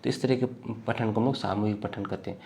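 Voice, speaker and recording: A man's voice: lowish voice, steady tone, gravelly, darkish tone. Unwell male teacher, patient and repetitive exam-prep delivery. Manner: repetitive, explains slowly with frequent "thik hai" checks. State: unwell, coughing.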